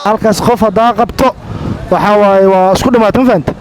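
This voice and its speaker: Fast-talking young man vlogging outdoors. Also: high voice, fairly even intonation, background noise. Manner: rapid, chatty, mixes in English phrases. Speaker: prank vlogger. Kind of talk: casual street vlog. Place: outdoors on a city street.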